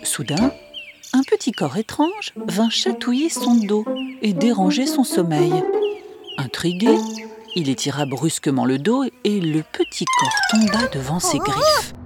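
A woman narrating a fable in an expressive, measured storytelling voice. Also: mid-range voice. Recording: music bed under the voice.

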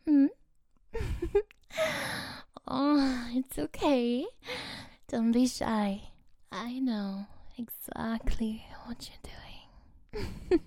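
A young woman murmurs very slowly and close to the microphone, her teasing whisper broken by soft giggles. Her tone is mellow and dark, with a slightly raised pitch and a gravelly fry at the ends of phrases. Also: no echo. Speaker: audio performer. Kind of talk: intimate whispered audio roleplay.

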